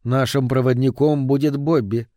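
Calm female medium, hushed slow voice, dark mellow tone, dry close sound, read by a man. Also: medium pitch, no room sound, close to an everyday voice.

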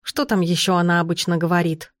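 A woman's voice: lowish voice, steady tone, fairly quick, dry recording, clean studio sound, natural voice. A woman voicing a gloomy young noblewoman with a strange gift, speaking in a plaintive, pleading way. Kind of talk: audiobook character reading.

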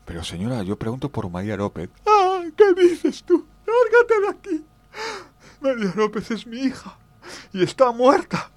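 A man voicing a distraught grieving mother in her sixties, crying out in a shrill, tearful voice in a spoken story. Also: huge pitch swings, normal speed, full character voice. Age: 60s.

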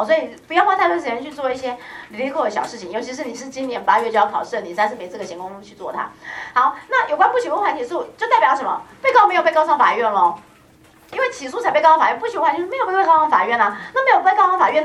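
A woman's voice: high-pitched, rapid-fire, recorded from a distance. A woman lecturing a law exam prep class in a chatty, teasing way, recorded in a classroom. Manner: chatty, teasing, lively, peppers speech with "hao" and "ha".

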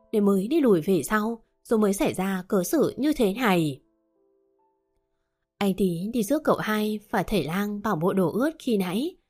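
A woman reading a story in steady dramatic narration. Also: medium pitch. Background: soft background music.

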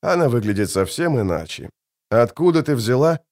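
A man reading an audiobook voices a grim, laconic witcher. He answers tersely and curtly, in a natural male voice with an animated lilt. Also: medium pitch, moderate pace, natural voice. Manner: terse and curt.

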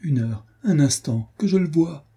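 Young noblewoman in despair, pleading and breathless, voice pushed up high, read by a man. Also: expressive, unhurried, dark tone, husky, full character voice. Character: desperate young noblewoman in love.

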